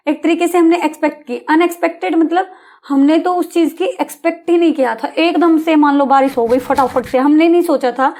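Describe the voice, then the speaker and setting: Female teacher, high-pitched, patient and repetitive with young students. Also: darkish tone. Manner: patient, repeats and checks understanding with questions. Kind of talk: exam-prep English lesson for children.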